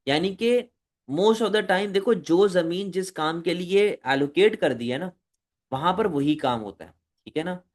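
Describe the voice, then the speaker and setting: A man's voice: high voice, unhurried. A man giving an economics lecture, talking to students as "beta", asking rhetorical questions and mixing in English terms. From Pakistan. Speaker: economics teacher. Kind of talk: recorded lecture.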